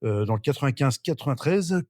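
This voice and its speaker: Recorded dry and clean in a studio, a middle-aged man's mid-range voice sounds expressive and dark, moving fairly quickly. He hails from northern France and, as a podcast guest, tells his life story casually, with frequent fillers and restarts.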